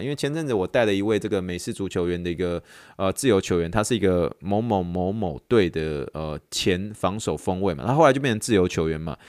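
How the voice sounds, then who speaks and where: Fast-talking man, lowish voice. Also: clean tone, no room sound, studio quality. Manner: chatty, laughing, self-correcting. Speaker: podcast host, physical therapy intern. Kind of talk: casual storytelling monologue.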